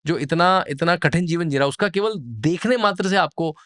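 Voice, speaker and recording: Man, podcast guest, slightly high voice, dry close sound, vivid descriptive storyteller. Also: normal speed, fairly bright tone, no echo. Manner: vivid, descriptive, builds scenes with lists. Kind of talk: explanatory storytelling interview.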